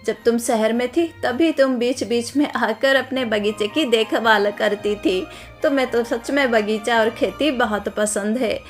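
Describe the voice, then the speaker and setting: A woman voicing a kind, humble elderly village aunt in a cartoon story, speaking softly and politely. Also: a little high, measured pace, soft background music, natural voice. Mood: gentle.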